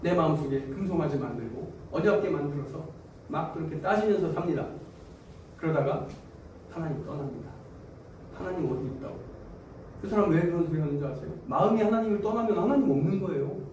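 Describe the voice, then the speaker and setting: A male pastor with a high voice preaches a storytelling sermon in a church sanctuary. He acts out people's grumbling at God in a raised, animated voice and chuckles as he speaks. He sits far from the mic in a strongly echoing hall, with faint background noise. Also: fairly quick. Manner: chuckles through his own lines.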